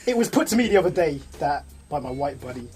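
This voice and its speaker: A man's voice: a little high, big pitch swings, fast, a little mellow, faint music behind. A man hosting a radio interview in a playful, rambling, joking manner. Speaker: radio host.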